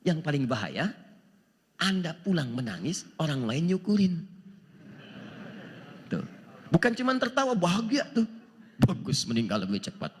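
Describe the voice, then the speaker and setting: A male Islamic preacher giving a sermon to a live audience, animated, asking rhetorical questions and quoting scripture in Arabic. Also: a little high, moderate pace, long pauses. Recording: long hall reverb.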